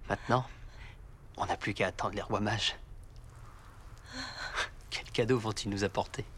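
A hushed, eerie young man in a film. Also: fairly low pitch, fairly even intonation, unhurried, a little hiss or hum. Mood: eerily tender. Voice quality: hushed, half-whispered. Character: young man Cal, softly coaxing, eerie calm. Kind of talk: film dub dialogue.

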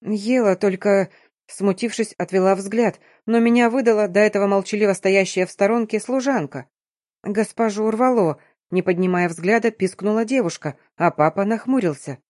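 Woman narrator, first-person audiobook, measured, dry close-miked. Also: mid-range voice, a little mellow, no room sound.

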